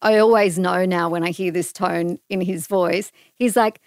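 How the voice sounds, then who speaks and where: A woman's voice: on the low side, normal speed, background noise. A middle-aged Australian woman, a guest in a casual interview, telling a personal story earnestly and animatedly. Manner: earnest, animated retelling with acted-out quotes.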